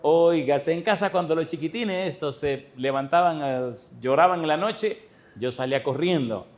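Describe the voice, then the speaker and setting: A man's voice: on the high side, normal speed. A middle-aged man, a pastor, preaching a sermon in a church and telling stories with questions to the congregation. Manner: lively storytelling, addressing the congregation with questions.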